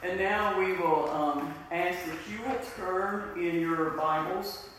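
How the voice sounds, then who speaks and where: A woman's voice: on the low side, slow pace, a bit bright. A woman pastor with an Appalachian accent, speaking to her congregation during a church service. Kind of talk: church service talk and prayer. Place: inside a church, congregation present. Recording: roomy, distant church mic, faint noise.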